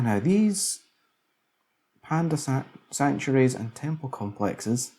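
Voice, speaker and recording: A man's voice: medium pitch, warm tone. A man casually commentating a city-building game, musing aloud as he builds, tired late at night. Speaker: let's play commentator.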